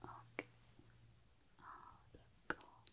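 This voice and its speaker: A woman whispers in a role-play as a calm, attentive surgeon examining a patient's face. Her quiet, breathy night-time hush moves through slow, hesitant musing and gentle instructions, sounding quiet and focused.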